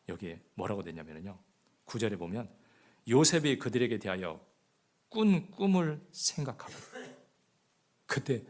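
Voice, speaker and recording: Husky Korean-speaking pastor preaching, animated. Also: male voice, lowish voice. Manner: asks the congregation rhetorical questions; swings between loud emphasis and hushed asides. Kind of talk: sermon. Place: church.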